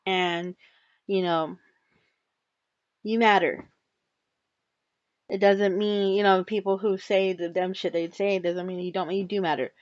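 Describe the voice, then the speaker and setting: A woman hosts her own show in a loose, chatty way, speaking frankly and swearing without a second thought. Her voice sits at an ordinary pitch for a woman. The recording is dry and close, with slightly dull, muffled audio. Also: flat delivery, measured pace, pauses often, no echo. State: coughing and hiccuping. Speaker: channel host. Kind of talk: casual solo commentary.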